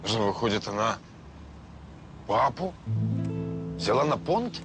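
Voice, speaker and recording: A middle-aged cop and father in a TV drama, with a swooping, animated medium-pitched voice. He is roguish and sarcastic, over clearly audible background music. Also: takes it slowly. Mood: suspicious, deflated. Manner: sarcastic, repeats others' words back. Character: roguish policeman father, sardonic and excitable. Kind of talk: naturalistic TV series acting.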